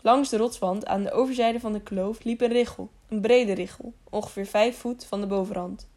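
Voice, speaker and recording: A woman narrating an adventure audiobook at a middling pitch. She tells the story steadily and now and then restarts a word. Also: moderate pace. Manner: even storytelling with small slips and restarts. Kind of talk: scripted narration.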